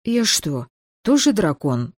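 A reader voicing a fierce, defiant young woman whose voice is hoarse from shouting, in an audiobook. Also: mid-range voice, very animated, takes it slowly, no room sound, clean studio sound, pitched above the performer's own voice. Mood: stunned. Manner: defiant, snapping retorts.

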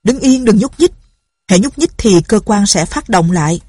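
A woman's voice: medium pitch, expressive, normal speed, darkish tone, husky, no room sound. A woman voicing a young male swordsman in an audiobook, courteous and urgent when he warns. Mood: urgent warning. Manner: urgent, raised and tense when warning.

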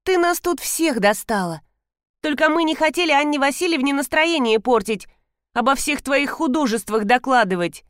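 A woman's voice: sits high, lively intonation, normal speed, dry recording, studio quality, pitched above the performer's own voice. A woman reading an audiobook, voicing a resentful female coworker who speaks reproachfully.

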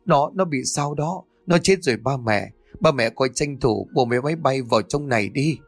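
A man's voice: mid-range voice, animated, normal speed, no echo, soft background music, voice pushed up. Man voicing a heartbroken grieving mother. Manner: tearful, pleading.

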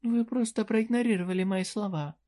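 A woman's voice: mid-range voice, a little fast, warm tone, pitched above the performer's own voice, close to an everyday voice. Casting: narrator doing a shrewd fantasy merchant woman, raised voice, teasing and flirty, businesslike. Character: sly cheerful female dungeon merchant, shrewd. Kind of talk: audiobook character reading.

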